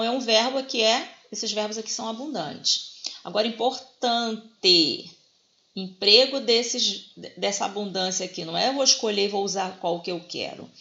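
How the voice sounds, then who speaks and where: A Brazilian woman teaches a grammar lesson, walking through each point and checking in with the class as she goes. Her voice has a gravelly fry to it, and the recording sounds dull and lo-fi. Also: mid-range voice, a bit bright. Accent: Brazilian Portuguese. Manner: explanatory, often checks in with "né?" and "tá?".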